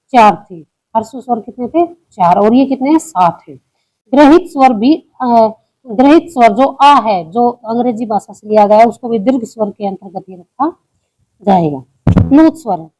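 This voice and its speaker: A woman's voice: on the high side, dark tone, poor audio. A woman teaching a grammar lesson step by step, asking questions and answering them herself.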